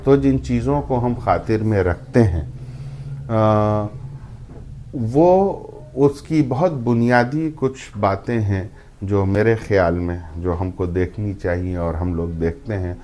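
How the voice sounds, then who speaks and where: Low-voiced guy hosting, slow and thoughtful, lots of um and ah. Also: mellow, slight background noise. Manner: measured, hesitant with many fillers. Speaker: host. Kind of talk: interview.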